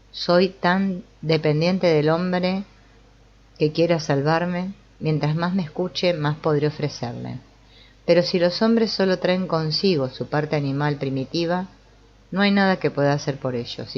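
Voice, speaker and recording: A woman's voice: deep voice, lo-fi sound. A woman reading the lines of a refined, mysterious woman in a brothel, asking grave, searching questions.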